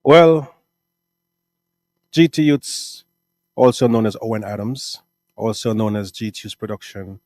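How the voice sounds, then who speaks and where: A middle-aged Guyanese man with a Guyanese accent, answering interview questions about his life in a relaxed, rambling way, often tagging "right?" onto his sentences. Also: fairly low pitch, measured pace, pauses often, no room sound. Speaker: music artist and producer.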